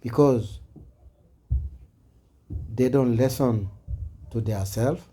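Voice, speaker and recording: Earnest man with a mellow voice. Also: medium pitch, drawn-out words, breathy edge. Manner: earnest, repetitive, preaching cadence, non-native grammar. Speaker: speaker giving a personal message. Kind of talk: impassioned personal address to camera.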